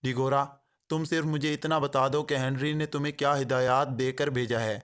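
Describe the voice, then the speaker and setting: A man's voice: mid-range voice, steady tone, fairly bright tone, smooth, lightly acted. A man voicing a male secret agent who jokes mockingly, then speaks in a cold, hard tone. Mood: cold, stern. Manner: switches from joking patter to cold, hard tone.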